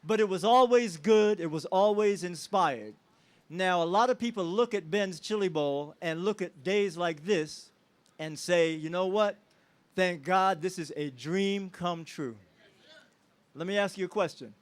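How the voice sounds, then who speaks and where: High-voiced man giving an emotional tribute. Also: a little slow. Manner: emotional, preacher-like call-and-response with the crowd. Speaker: family member giving a tribute speech. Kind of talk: public speech at an outdoor celebration. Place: outdoors at a street celebration.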